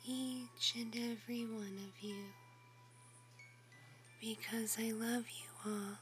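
A woman with a somewhat high voice whispers softly in an ASMR roleplay, telling a bedtime story as a doting mother fox. The adult female character is tender and protective, and her whispering is soothing and affectionate.

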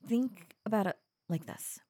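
A young woman voicing an obsessive young streamer who speaks softly and coaxingly to the listener, with nervous giggles. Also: medium pitch, a little slow, slightly rough, no room sound, studio quality. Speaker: voice actor in an audio roleplay. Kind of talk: audio roleplay addressed to the listener.

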